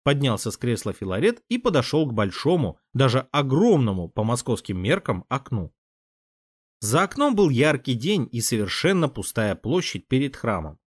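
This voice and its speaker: Man reading an audiobook, lively up-and-down delivery, dry close sound. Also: medium pitch, moderate pace, husky, no room sound. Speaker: audiobook narrator. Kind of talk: scripted narration.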